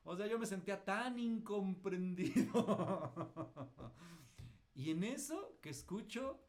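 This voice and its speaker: A man's voice: high voice, expressive, slow pace, a little mellow. A middle-aged Mexican man, a pastor teaching a class, telling self-mocking stories in a colloquial way. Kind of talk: lively teaching with personal anecdotes.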